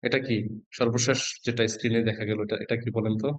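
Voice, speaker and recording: A male Quran reading teacher runs an online class, patiently naming letters one at a time and asking his students questions. His mid-range voice is level in tone and fast. The lo-fi recording has no room sound.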